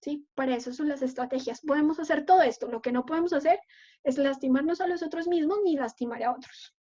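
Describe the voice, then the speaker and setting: A high-pitched woman speaks as a psychologist in a live online session, taking questions from the chat. She explains things patiently and keeps checking that her listeners follow. The sound is muffled, like audio from a video call. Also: fast, mellow.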